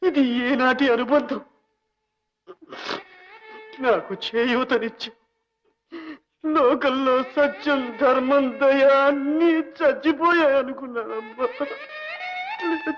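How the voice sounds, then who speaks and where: An actor playing a destitute, broken old man who was once rich, speaking in a tearful, pleading, grieving way in an old film scene. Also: extremely high pitch. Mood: tearful grateful. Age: older. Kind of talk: 1950s Telugu film acting. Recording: dull old film soundtrack, faint music.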